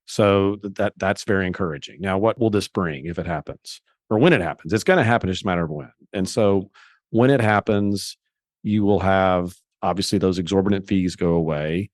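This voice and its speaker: A man with a fairly low voice answers as a guest in a conversational interview. He explains in a measured way, often restarting his sentences. The recording is close and dry. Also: no echo. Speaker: guest, investor.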